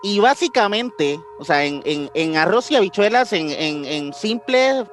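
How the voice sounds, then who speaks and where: With music playing behind him, a man with a Puerto Rican accent hosts a podcast, explaining things casually with slang and repeated phrases. His voice sits high and sounds a bit bright, with lively intonation and a slightly slow pace.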